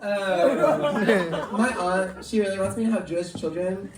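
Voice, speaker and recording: A woman performs a live stand-up set, deadpan and self-mocking, often breaking into laughter at her own lines. Her voice carries from a distance through an echoey room. Loud crowd laughter rises around her. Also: medium pitch, unhurried. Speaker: stand-up comedian. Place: live comedy venue.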